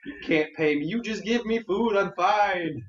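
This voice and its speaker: A man's voice: high voice, measured pace. A man playing a tabletop game with friends, joking and playfully demanding. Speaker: game player. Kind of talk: casual banter. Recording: echoey room, distant mic, dull sound.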